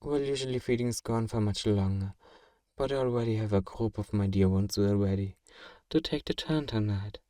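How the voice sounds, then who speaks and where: A man voices a polite, possessive vampire in an ASMR roleplay, lightly acted, sounding soft and attentive as he coaxes and comforts with doting courtesy. He speaks at a moderate pace in a fairly low, dark, relaxed tone, and the very dry, intimate recording has no room echo.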